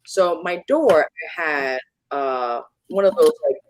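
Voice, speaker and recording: A woman guest slowly recounts a personal ghost story during a relaxed podcast conversation, growing animated and acting out scenes with abrupt leaps in pitch. There is no room sound.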